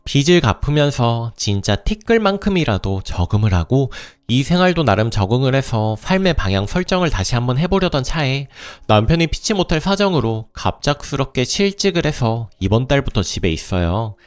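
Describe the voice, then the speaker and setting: Man narrating with lively pitch. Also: moderate pace, few pauses, dry recording. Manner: calm, even storytelling read in first person. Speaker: story narrator. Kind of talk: scripted narration of a reader's story.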